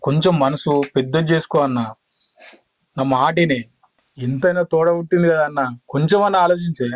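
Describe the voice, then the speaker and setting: Speaking a little fast in a voice on the high side, near everyday speech, an actor with a Telangana Telugu accent portrays a village younger brother acting as go-between and urgently pleading with his family in a drama.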